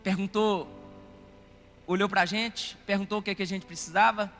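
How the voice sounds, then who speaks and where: A Brazilian man preaches with a very high, bright, ringing voice. He tells a story in an animated way, calling his listeners "querido" and asking for amens. The sound rings out through a reverberant church hall over faint music. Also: normal speed. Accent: Brazilian Portuguese. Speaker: pastor. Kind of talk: storytelling sermon.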